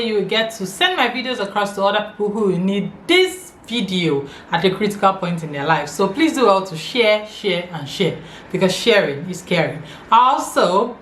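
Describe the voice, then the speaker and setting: A woman's voice: medium pitch, fairly bright tone. Nigerian-accented woman in an echoey room. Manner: emphatic, repeats key phrases. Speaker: video channel host. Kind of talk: informal explainer to camera. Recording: echoey room, faint background noise.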